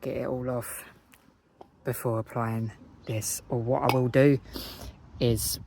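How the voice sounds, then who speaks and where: A man with an Essex accent narrates a how-to in a relaxed, rambling way, correcting himself as he goes. His delivery stays level with little rise or fall. Clear background noise from outdoors runs under the whole recording. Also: medium pitch, slow pace. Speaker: motorcycle vlogger. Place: outdoors beside a parked motorcycle.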